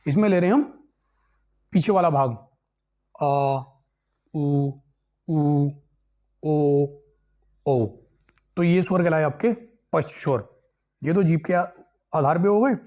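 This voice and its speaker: A man's voice: sits high, animated, moderate pace, long pauses, a little mellow. A male teacher giving an exam-prep grammar lesson, asking questions and answering them himself, repeating key terms and checking that students follow.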